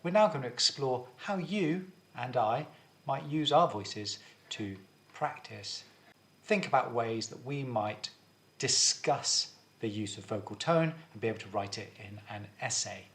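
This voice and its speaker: A male drama teacher giving a video lesson, explaining things clearly and guiding students step by step. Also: medium pitch, lively intonation, measured pace, fairly bright tone.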